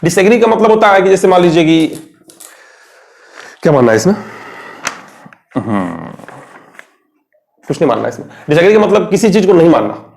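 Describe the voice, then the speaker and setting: A young man with an Indian accent talks through synonyms in a relaxed, conversational lesson. His voice sits a little high for a man. He keeps asking his listeners questions and then answers them himself. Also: brisk, creaky, pauses often. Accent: Indian English. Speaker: English teacher. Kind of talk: Hindi-language vocabulary lesson at a board.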